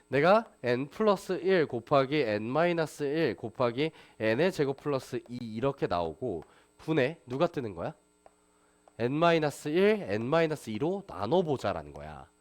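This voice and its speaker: A man teaching a math class, lecturing and constantly asking his students rhetorical questions. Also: mid-range voice. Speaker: math tutor.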